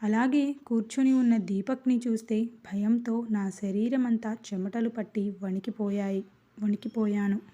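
Mellow woman narrating a personal story. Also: on the high side, fairly even intonation, a little slow.

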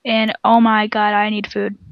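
A woman playing along in a casual game session, narrating her own moves with quick alarmed exclamations. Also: mid-range voice, completely flat delivery, lo-fi sound. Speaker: co-player. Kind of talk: casual gameplay chat.

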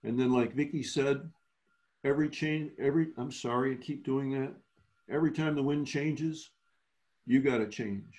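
A man of ordinary pitch explains things patiently over a video call, backing up and restarting his sentences as he goes. He sounds like a coach walking newer learners through a lesson. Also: normal speed, a little mellow. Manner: explanatory, restarts phrases often. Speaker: sailing clinic instructor. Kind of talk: virtual clinic teaching.

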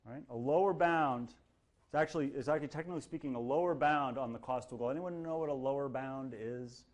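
In a lecture hall, a man with a mid-range voice teaches a university class at a quick pace. He's lively and jokey, keeping things casual and acting out little quoted voices as he explains.

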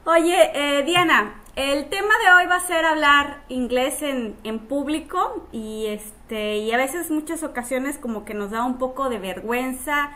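A woman hosts a relaxed podcast interview. Her voice sits high, and she speaks in a friendly, chatty way, dropping filler words as she goes. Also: a little slow, hardly any pauses. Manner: friendly, uses fillers like "este", laughs often. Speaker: podcast host. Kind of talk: casual interview.

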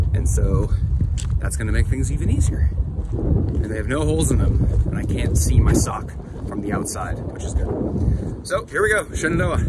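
The recording is very noisy as a young thru-hiker talks to the phone camera at arm's length on a mountain trail. His medium-pitched voice carries a wry, self-mocking tone in this casual trail vlog from his long-distance hike.

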